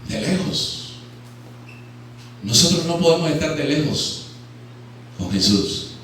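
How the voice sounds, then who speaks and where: A Nicaraguan man preaches in a high, carrying voice, often turning to ask his congregation questions. His voice rings through a very echoey hall and is picked up from some distance off the mic. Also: lively intonation, slow pace, a bit bright, slight background noise. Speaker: pastor. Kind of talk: sermon. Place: church hall.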